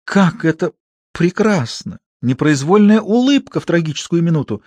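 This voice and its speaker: A weepy, melodramatic young actress, voiced by a male audiobook reader, pouring out raised, loud lament in a higher, lifted register. She gushes and declaims as if on stage. The dry, close sound has no room around it. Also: a little fast, dry recording. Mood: tearful theatrical. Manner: gushing, exclamatory, sobbing declamation. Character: melodramatic young actress wife, tearful and theatrical. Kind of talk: audiobook character voice.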